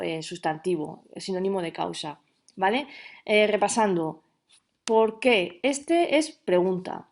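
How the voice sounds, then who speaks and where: A woman teacher from giving a recorded grammar lesson, explaining step by step and often checking with a quick question. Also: mid-range voice, darkish tone. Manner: explanatory, checks understanding with frequent "¿vale?".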